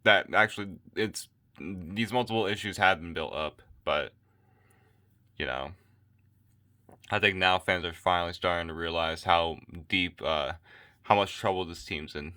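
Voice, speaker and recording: A man's voice: low voice, a little slow, pauses often, pushed and bright. A man vlogging his sports opinions late at night, tired and losing his voice, rambling and repeating himself into a phone mic. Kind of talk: casual opinion rant.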